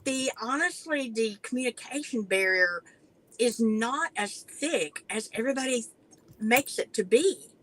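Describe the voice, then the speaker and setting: A woman's voice: on the high side, animated, measured pace, a bit bright, poor audio. A woman with an Appalachian accent talking casually and earnestly on a panel, in a folksy way that repeats words for emphasis.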